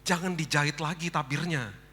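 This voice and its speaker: A man with an Indonesian accent preaching a conversational sermon in a church hall, switching between soft, low asides and sudden loud, high rises. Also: normal speed, breathy edge. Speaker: pastor. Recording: long church hall reverb.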